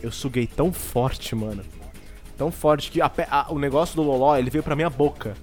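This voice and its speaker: A man's voice: medium pitch, brisk, faint music behind. A young man with a Brazilian Portuguese accent, telling stories in a casual, sweary, rambling podcast chat. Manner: slangy, sweary, rambling storytelling. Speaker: podcast co-host.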